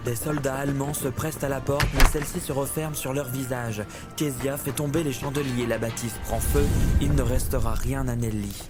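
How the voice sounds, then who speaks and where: A man tells a dramatic fairy tale in careful, scripted narration. His voice sits in a middle register, unhurried and theatrical. A clear music bed runs under every line. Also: medium pitch, fairly even intonation. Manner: measured, dramatic storytelling.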